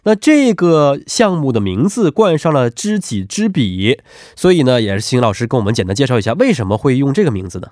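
A male radio host speaks with a clearly stuffed-up, nasal voice, as if congested from allergies. His intonation is lively and his manner polite and attentive as he interviews. The sound is dry and close. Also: medium pitch, a little fast. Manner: polite, attentive, echoes answers back. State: allergic rhinitis.

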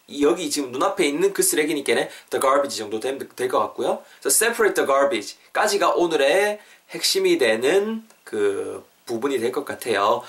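A man hosting a casual podcast lesson. He is chatty, fills his talk with fillers, and repeats and spells out phrases. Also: mid-range voice. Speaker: English teacher and podcast host.

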